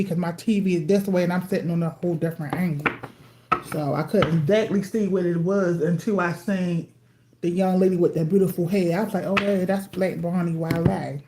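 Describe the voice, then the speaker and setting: A woman's voice: on the low side, a little fast, background noise. A woman doing a casual livestream tarot reading at home, chatty and informal, calling her viewers y'all and eating as she talks. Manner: chatty, eats while talking, addresses viewers as y'all. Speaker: tarot card reader. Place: at home with TV playing.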